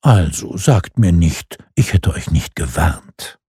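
A man's voice: deep voice, lively intonation, takes it slowly, mellow, breathy edge, no echo, studio quality, voice pushed down, exaggerated voice. A man voicing a cruel, mocking noblewoman at a royal court, haughty and sneering, in an audiobook reading.

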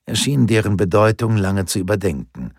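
A man reading a historical novel aloud in a calm, unhurried narration. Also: on the low side, husky, dry recording, studio quality. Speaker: audiobook narrator. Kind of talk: scripted narration.

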